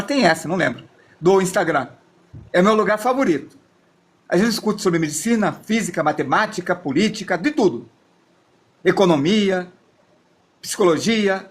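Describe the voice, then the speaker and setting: A man leads a live drawing class. His voice sits fairly high for a man. He talks in a loose, chatty way and thinks aloud as he draws. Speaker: drawing teacher. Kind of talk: live drawing lesson with chat asides.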